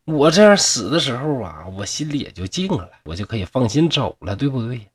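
A man's voice: mid-range voice, very animated, fairly quick, breathy edge. A man with a Northeastern Mandarin accent voicing a dying poor man, pleading in a folksy way.

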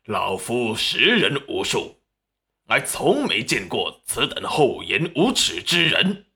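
A man's voice: medium pitch, very animated, slow, gravelly, heavily acted. A man voicing a stern old male teacher who scolds with contempt. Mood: scornful. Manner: sharp, contemptuous.

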